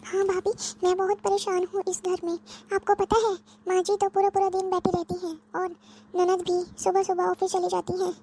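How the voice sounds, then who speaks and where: A woman's voice: very high-pitched, monotone, moderate pace, dark tone. A woman doing a weepy young wife. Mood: tearful complaint. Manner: whiny, pleading. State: crying. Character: tearful young married woman, homesick and complaining. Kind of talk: cartoon voice acting.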